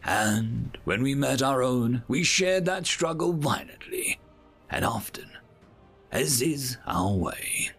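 A man's voice: medium pitch, lively intonation, vocal fry, breathy edge, faint music behind, pitched above the performer's own voice, full character voice. A man voicing a solemn old alien elder. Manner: slow, solemn, hushed. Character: old alien elder telling a sacred legend.

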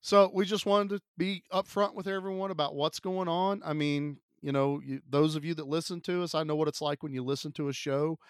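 A man with a slightly raised pitch talks through a stuffy, sick-sounding voice as he co-hosts a movie podcast. He rambles in an upbeat, chatty way, and the recording is close and dry with a smooth, clean tone. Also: fairly even intonation, a little fast, few pauses, no room sound. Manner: chatty, upbeat, frequent fillers. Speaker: podcast co-host. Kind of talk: casual podcast chat.

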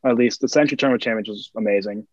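A man's voice: fairly low pitch, racing, a little mellow, no echo, lo-fi sound. A man co-hosting a sports podcast, rambling through long explanations of golf rules in casual chat. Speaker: podcast co-host.

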